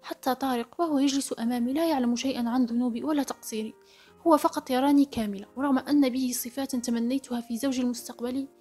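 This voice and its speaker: A woman narrating a story in the first person with brisk, steady storytelling. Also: high voice. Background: faint background music.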